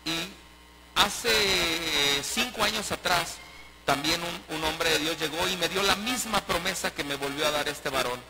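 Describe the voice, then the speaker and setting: A man's voice: on the high side, a little slow, poor audio. A man preaching a sermon as pastor, emphatic and full of rhetorical questions. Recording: preaching over loud music. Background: loud music.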